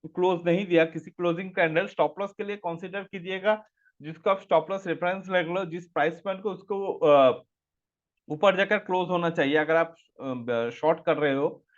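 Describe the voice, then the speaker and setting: A man's voice: high voice, moderate pace, highs cut off. A man teaching a live online class on stock trading. He explains each step and reads chart figures aloud, and he asks his audience to work out answers. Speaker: stock market trainer.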